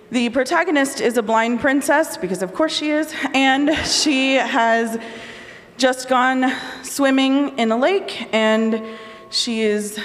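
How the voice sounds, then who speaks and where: A woman's voice: on the high side, long reverb tail. A woman author reading an excerpt from her novel, with a laughing, self-deprecating manner. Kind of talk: reading fiction aloud.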